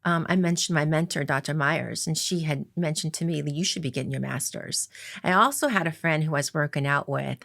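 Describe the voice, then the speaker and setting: A woman's voice: sits low, brisk, gravelly, a bit bright. A middle-aged woman from Idaho, an interview guest telling her story in an earnest, reflective way with many filler ums. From Coeur d'Alene reservation, Idaho, US. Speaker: interview guest, casino executive.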